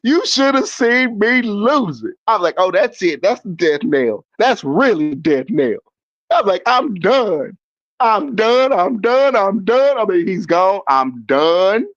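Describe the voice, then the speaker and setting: A man's voice: high voice, lively intonation, measured pace, no echo, muffled recording. A man in casual sports chat, talking emphatically and repeating himself for effect, on a remote call mic.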